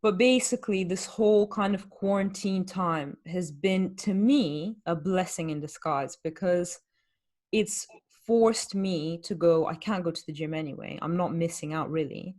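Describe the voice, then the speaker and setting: Speaking in a fairly low, slightly mellow voice at a measured pace, this woman is a fitness coach chatting openly on her podcast. She leans on rhetorical questions to explain her points in a relaxed, conversational way.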